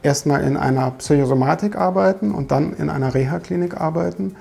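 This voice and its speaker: A man speaking as a chief physician in a documentary interview, measured and often pausing with fillers. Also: on the high side, gravelly, mellow. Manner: measured, with frequent hesitation fillers.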